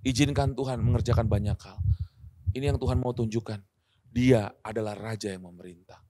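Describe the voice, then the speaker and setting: A male pastor preaching a sermon. He swings between loud, emphatic scripture reading and soft, coaxing asides, and acts out imagined listeners in a casual voice. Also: mid-range voice, fairly quick, noisy background. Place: church livestream.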